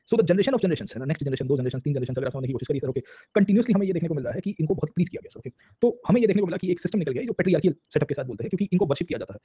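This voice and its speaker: A man lecturing on history at breakneck speed, his voice dark and heavily husky. He mixes Hindi with English and keeps tagging lines with "samjhe?" and "sir, theek hai na". The sound is dull and muffled, recorded close and dry. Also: fairly high pitch, lively intonation, very fast, dry recording. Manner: tags nearly every sentence with "samjhe?" and "sir, theek hai na"; acts out little anecdotes with quoted voices. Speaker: history teacher. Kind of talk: exam-prep lecture mixing Hindi and English.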